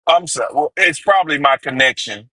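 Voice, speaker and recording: A man's voice: a little high, expressive, a little fast, pushed and bright, breathy edge, no room sound. A man joining a live stream debate over a remote call, his audio choppy and cutting out from a bad connection, speaking emphatically and piling up repeated phrases. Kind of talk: casual debate.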